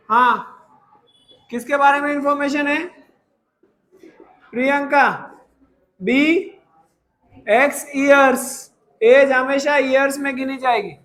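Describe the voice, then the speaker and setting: High-voiced, slow-talking male teacher. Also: a bit bright, rough recording. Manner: dictates English problem text slowly, word by word; keeps checking with students whether they understand. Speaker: math teacher. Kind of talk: classroom math lesson.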